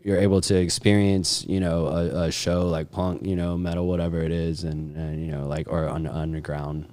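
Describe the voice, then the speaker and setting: A man in casual podcast chat, talking in a halting, laid-back way with many fillers. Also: sits low, flat delivery, a little mellow, dry recording, clean studio sound. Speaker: podcast co-talker.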